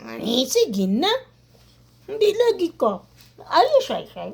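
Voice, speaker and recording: Woman pet owner, high and very lively voice, slow playful coaxing with drawn-out howls. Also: gravelly. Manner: playful, coaxing, drawn-out howling sounds to get a dog to howl. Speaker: pet owner filming her dog. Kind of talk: casual home vlog talk to a pet.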